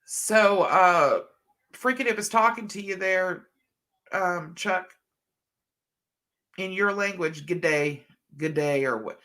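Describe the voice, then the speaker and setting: Reading comments on her casual livestream, a middle-aged host chats affectionately and calls her viewers hun and honey. Her fairly low, slightly bright voice moves slowly with frequent pauses, and she sounds stuffed up and scratchy from allergies.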